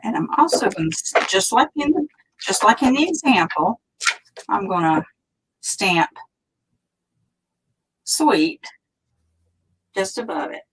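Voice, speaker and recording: A woman with a medium-pitched, expressive voice speaks slowly, with long pauses, while hosting a live stamping tutorial. She chats and thinks aloud, sometimes dropping almost to a whisper mid-task, and the low-quality recording carries slight background noise.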